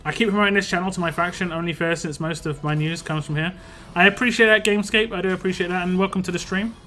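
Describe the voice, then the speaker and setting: High-pitched and sharp-toned, with fairly even intonation, this young man's voice comes over soft background music. He has a West London accent and rambles casually while streaming a game, talking fast with frequent restarts and fillers.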